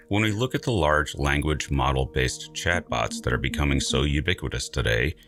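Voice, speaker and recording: Extremely deep, forceful male narrator. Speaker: science video narrator. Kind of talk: scripted narration.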